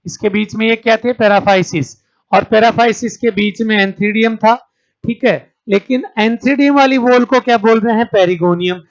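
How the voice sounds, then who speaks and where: A male teacher runs an exam-prep class in a high, light voice, posing each question to his students and answering it himself. He calls them "beta" and keeps checking in with them. The sound is dull and lo-fi, like a streamed lecture. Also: normal speed. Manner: calls students 'beta', checks understanding with 'theek hai'.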